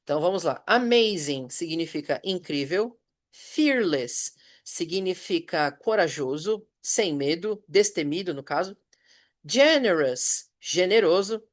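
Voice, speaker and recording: A Brazilian man who teaches English, giving a patient recorded review lesson. He reads example sentences slowly and checks in with short questions. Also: sits high, lively intonation. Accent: Brazilian Portuguese.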